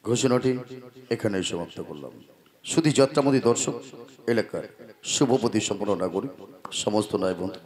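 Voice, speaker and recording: A man's voice: fairly low pitch, expressive, normal speed, long pauses. Guy announcing a village theatre show, formal but super swoopy, crowd behind him. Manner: formal, declamatory, stretching out key phrases. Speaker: announcer of a folk theatre troupe. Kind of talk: theatrical stage announcement before a folk play.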